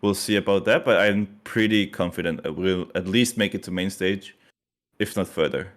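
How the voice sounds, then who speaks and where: A man's voice: low voice, normal speed. A man interviewed as a team commander, upbeat and eager, rambling a bit. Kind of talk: casual interview.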